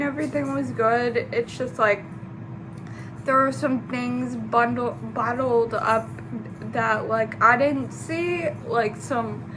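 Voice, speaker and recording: A young woman vlogging casually, rambling in a halting way with many fillers and restarts. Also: on the high side, background noise. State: sleepy, just woke up. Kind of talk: casual personal vlog.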